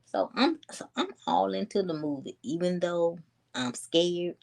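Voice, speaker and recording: A woman, casually telling a story to her viewers in a chatty, animated way. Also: on the low side, a little slow, gravelly. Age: 20s. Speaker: vlogger.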